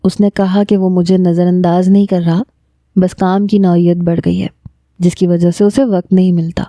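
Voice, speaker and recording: A lovestruck young woman who talks openly and warmly about her feelings, in a dark, mellow voice, read aloud by a woman narrator. The sound is dry and close. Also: on the low side, level tone, no echo, lightly acted. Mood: smiling. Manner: smiling, candid.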